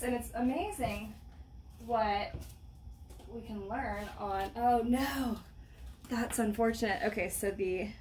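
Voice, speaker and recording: A woman's voice: on the high side, a little hiss or hum. A woman chatting casually to camera while painting, giggly and self-mocking. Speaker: vlogger. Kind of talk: casual home vlog.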